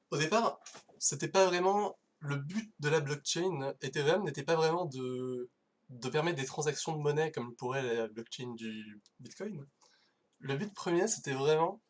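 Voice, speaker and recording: A man giving a casual live-streamed technical talk, hesitant, with many fillers and restarts. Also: mid-range voice. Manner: casual, self-deprecating. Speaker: conference speaker.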